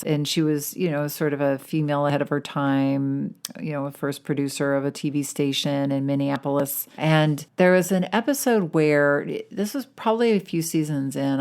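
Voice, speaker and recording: A woman with a low voice hosts a podcast on losing weight. She talks casually and warmly to her listeners, with upbeat, encouraging energy. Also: clean tone. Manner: enthusiastic, conversational, encouraging. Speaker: weight-loss coach and podcast host.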